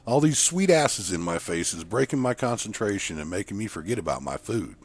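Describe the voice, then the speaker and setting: A man voicing a grumpy, hungry male friend in a spooky short story, with a gruff, joking delivery. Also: on the low side, big pitch swings, a little fast, full character voice.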